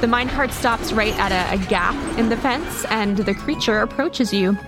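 A woman's voice: on the high side, normal speed, over music. A woman narrating a tabletop game as game master.

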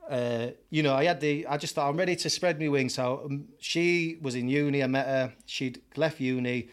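A man's voice: medium pitch, normal speed. A man, a podcast guest telling his story in a candid, chatty way, often laughing. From York, England. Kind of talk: casual storytelling.

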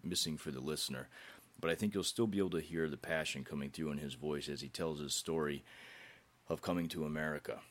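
A man with a cold and sore throat, sounding hoarse and gritty as he narrates a podcast introduction as host. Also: rumbling low.

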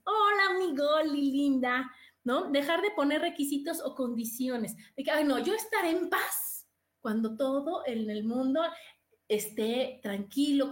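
A Mexican woman talks through her podcast in a loose, chatty way, with a high voice that swoops up and down as she acts out imagined inner voices. She often restarts her sentences. Her voice sits in an echoey room. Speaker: podcast host. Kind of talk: casual live podcast chat.

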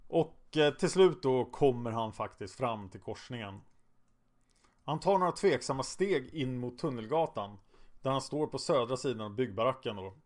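A man's voice: medium pitch, expressive. A man narrating a true-crime story in a casual, conversational way, with hesitant fillers now and then. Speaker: podcast narrator.

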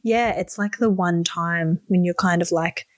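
Lively woman telling her story. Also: unhurried, no room sound. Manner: animated, acts out quotes with sudden high squeals. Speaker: podcast guest. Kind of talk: casual storytelling.

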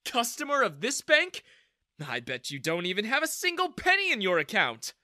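A haughty, scornful male bank manager in a narrated story, mocking loudly and dragging out his words, as a male storyteller puts him on. The voice sits well above the narrator's own, bright and pushed. The recording is dry and close. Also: high voice, huge pitch swings, dry recording, voice pushed up, full character voice. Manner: mocking, loud, drawn-out.

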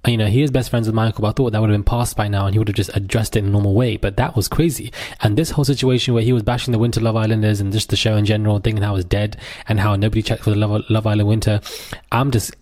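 Fast-talking man spilling gossip. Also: lowish voice. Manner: animated, dramatic, sassy asides. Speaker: podcast host. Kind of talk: casual gossip commentary.

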